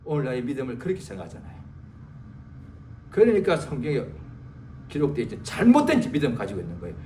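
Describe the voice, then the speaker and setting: A male pastor preaching a sermon in a church, dramatic, swinging from loud exclamations to low muttered asides. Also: huge pitch swings, quick pace, a little hiss or hum. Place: church sanctuary. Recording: echoey church hall, distant mic.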